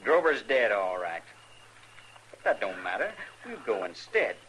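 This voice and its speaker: A man's voice: on the low side, big pitch swings, measured pace, fairly bright tone, low-quality recording. An actor playing a cocky, possessive young gunman in a 1950s radio western, with a sneering, threatening delivery. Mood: menacing. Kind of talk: 1950s radio drama acting. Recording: old radio broadcast with faint hiss.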